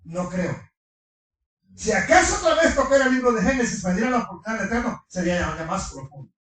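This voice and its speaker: A middle-aged man preaching a sermon to his congregation, animated, firing rhetorical questions and slipping in humorous asides. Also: high voice, fast. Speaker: pastor. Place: large congregation hall. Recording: echoey hall from far off.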